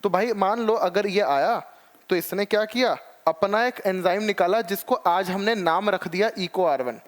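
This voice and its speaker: A man gives an exam-prep biology lecture at a moderate pace in a raised, high-pitched teaching voice. He explains step by step, keeps checking that students follow, and calls them "children" and "beta ji".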